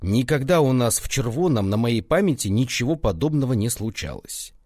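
A gruff, half-deaf old village constable who shouts his words in a hoarse, husky voice, raised above the speaker's own, as a man puts him on. The delivery swings widely in pitch, and the sound is dry and close. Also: very animated, moderate pace, no room sound. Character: hard-of-hearing old male village constable.

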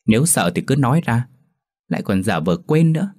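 A man's voice: medium pitch, big pitch swings, a little fast, darkish tone, voice pushed up. A man voicing a cheeky young village man who mocks his friends. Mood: mocking. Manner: mocking, teasing.

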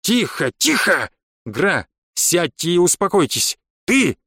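A man's voice: sits high, very animated, takes it slowly, bright, forceful tone, husky, no room sound, clean studio sound, heavily acted. A man voicing a harried, short-tempered male senior guard who barks orders in a storybook reading. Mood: barking. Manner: barking orders.

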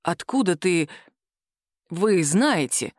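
A woman's voice: fairly low pitch, expressive, slow, darkish tone, dry recording, clean studio sound. A woman voicing an agitated young man who speaks in abrupt, tense exclamations, in an audiobook. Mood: curt.

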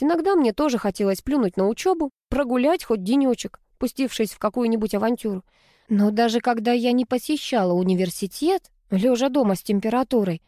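A woman narrating a first-person novel as an audiobook, in a lively storytelling manner. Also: a little high, no echo, studio quality.

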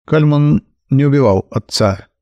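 A man voicing a calm, shrewd detective who explains matter-of-factly. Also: mid-range voice, no echo, natural voice. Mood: explaining. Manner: brisk, matter-of-fact explaining. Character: calm, shrewd older male detective, brisk and dry.

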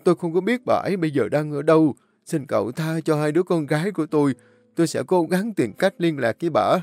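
A man's voice: mid-range voice, animated, a little fast, darkish tone, dry recording. A man voicing a terrified middle-aged father who begs desperately for mercy. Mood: desperate begging. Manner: pleading, desperate.

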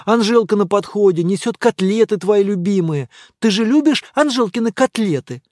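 A man's voice: high-pitched, animated, moderate pace, a little mellow, dry recording, studio quality, pitched above the performer's own voice. A man reading an audiobook, voicing a worried man urgently pleading with his friend.

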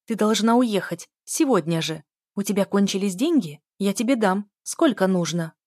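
A woman reading aloud, voicing a jealous pregnant young sister who is shrill and on the edge of hysteria. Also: expressive, normal speed, darkish tone, dry recording, clean studio sound, lightly acted. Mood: hysterical, accusing. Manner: shrill, accusing, near hysteria.

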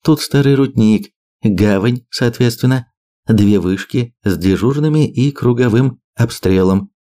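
A man raises his voice into an earnest islander who lays out facts carefully, as in a storybook. The voice sits higher than the narrator's own and has a mellow tone. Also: a little slow, lightly acted. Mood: explaining. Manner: careful, informative. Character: earnest male islander explaining a map.

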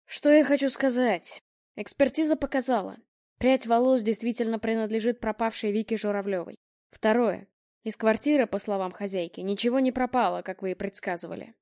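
A woman voicing a blunt male police officer who lists points in a brisk, official way. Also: on the high side, a little mellow, dry recording, studio quality, natural voice. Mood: businesslike.

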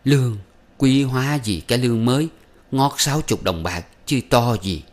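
A man's voice: fairly low pitch, moderate pace, close to an everyday voice. A man reading aloud and voicing a bitter, domineering old mother who scolds harshly. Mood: angry.

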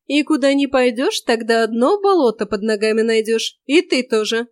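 A woman voicing a mischievous young female forest spirit who mocks and teases in a bright, sharp-tongued way. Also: on the high side, animated, moderate pace, dry recording, studio quality, natural voice. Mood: mocking.

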